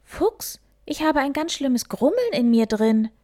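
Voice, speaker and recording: A woman voicing an eager little male hare in a storybook reading, higher and louder than her narration. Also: very animated, measured pace, full character voice. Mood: worried. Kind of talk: storybook character voice.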